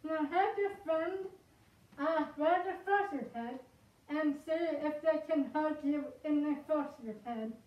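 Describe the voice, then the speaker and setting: A woman talking casually to camera from inside a costume head, rambling and halting as she goes. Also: high voice, dull audio. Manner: rambling, halting, self-conscious. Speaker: video creator. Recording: echoey room, far from mic.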